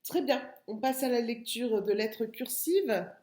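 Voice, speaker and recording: Slow, patient woman teacher in a roomy space. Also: on the high side, lively intonation, a little mellow. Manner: slow, patient, repeats words and syllables. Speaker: kindergarten teacher. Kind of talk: remote lesson for young children. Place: home room by a window.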